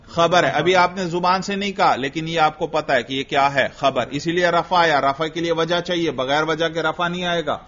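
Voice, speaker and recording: A man's voice: fairly high pitch, hardly any pauses, fairly bright tone. A man teaching an Arabic grammar lesson, firing questions at his students and answering them himself. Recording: dull lo-fi recording.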